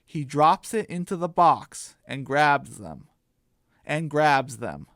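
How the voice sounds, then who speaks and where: A male narrator delivers a scripted comic story at a slow pace, his voice sitting on the high side. It sounds expressive, creaky and a touch bright, recorded dry with no room echo.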